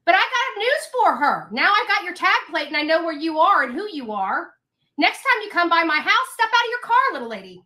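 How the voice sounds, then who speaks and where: In a roomy, echoey recording with faint noise, a woman speaks fairly quickly in a very high-pitched, sing-song voice whose tone is bright and forceful. As an online commentator, she delivers an off-the-cuff rant and advice to camera, emphatic, repetitive, and confrontational.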